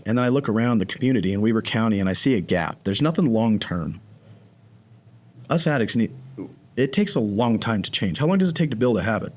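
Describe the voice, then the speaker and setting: A man guest on a podcast, telling his recovery story in a casual, animated way, often acting out what people said. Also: lowish voice. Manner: animated, acts out quoted voices.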